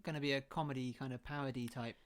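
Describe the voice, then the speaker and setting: A podcast co-host speaking in casual chat. The voice sits at a middling pitch, and the delivery is explanatory and opinionated. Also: steady tone, quick pace. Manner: explanatory, opinionated, laughs easily. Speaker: podcast co-host and film reviewer.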